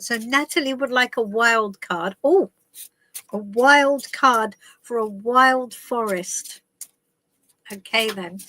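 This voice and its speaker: On a live stream while travelling, a woman with a head cold gives chatty, rambling tarot readings, full of ums and restarts, sounding stuffy and coughing. Her fairly high voice is pushed and bright, and the audio is poor.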